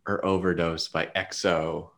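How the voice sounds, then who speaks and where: A man's voice: low-pitched, little pitch movement, unhurried. A man co-hosting a casual podcast, reading out long lists of quiz options and laughing now and then. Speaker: podcast co-host.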